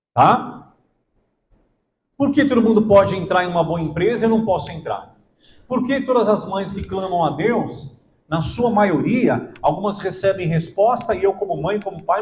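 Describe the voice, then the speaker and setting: Pastor, higher voice, animated, emphatic sermon in an echoey hall. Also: male voice, a little hiss or hum. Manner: emphatic, asks the congregation questions. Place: church hall.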